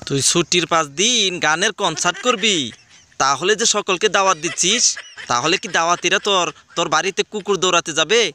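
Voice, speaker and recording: Lightly acted and fairly quick, a voice actor gives a sharp, medium-pitched turn as a stern, exasperated cartoon schoolteacher, scolding his pupils and exclaiming over their answers.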